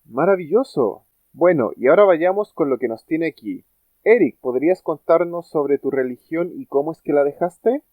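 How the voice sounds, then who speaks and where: A man's voice: fairly high pitch, expressive, moderate pace, no echo. Effusive male host, tinny phone-like sound. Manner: effusive, enthusiastic. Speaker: podcast host. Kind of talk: scripted interview introduction.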